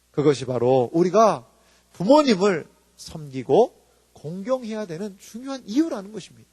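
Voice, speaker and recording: Lively preaching man in an echoing hall. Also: high-pitched. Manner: animated, asks the congregation questions. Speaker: pastor. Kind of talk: sermon.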